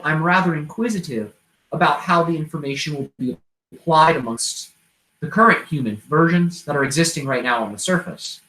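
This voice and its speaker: A man channeling an inquisitive, open-hearted otherworldly being like a seance medium, speaking in formal, measured, abstract sentences. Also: on the high side, fairly bright tone, lightly acted. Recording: roomy, echoing sound.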